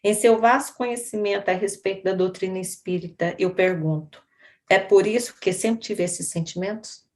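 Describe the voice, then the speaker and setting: A woman with a Brazilian accent moderating an online study session, reading questions from the chat aloud in a slow, friendly way. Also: medium pitch, darkish tone. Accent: Brazilian Portuguese. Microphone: video call.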